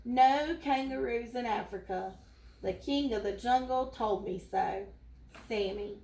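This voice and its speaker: A woman's voice: on the high side, unhurried, darkish tone, far from the mic. A woman voicing Sammy, a kind, helpful man who speaks in an earnest, polite way. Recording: roomy echo.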